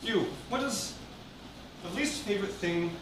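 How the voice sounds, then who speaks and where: A man's voice: high-pitched, expressive, far from the mic. A man playing a vain, preening pretty boy in boastful, theatrical live character comedy, recorded in an echoey, noisy room. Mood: smug, teasing. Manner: boastful, drawn-out theatrical delivery. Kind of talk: absurd live character comedy with crowd work.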